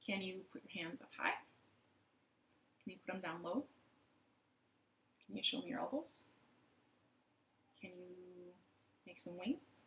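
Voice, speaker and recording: A woman leads storytime for young children from her living room, acting as a children's library host and using expressive, simple phrases and questions. Her mid-range voice has a bright, forceful tone, picked up in an echoey, roomy home recording.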